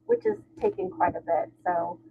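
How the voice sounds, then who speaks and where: A woman speaks on a video call through a bad microphone that makes her sound boxed in, as if talking from inside a tunnel. Her voice is thin and tinny, with a gravelly edge and faint hiss underneath. She lays out her problem step by step in an easygoing, slightly apologetic way. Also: on the low side, wildly swooping pitch, moderate pace. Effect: muffled tunnel-like sound from a bad microphone. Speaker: library staff member asking a question. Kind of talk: casual online meeting question. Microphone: poor computer microphone on a video call.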